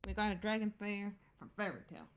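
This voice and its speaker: A woman's voice: medium pitch, expressive, a little fast. A woman running a tabletop game as game master, teasing her players, laughing often and calling them honey. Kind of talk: casual tabletop game chat.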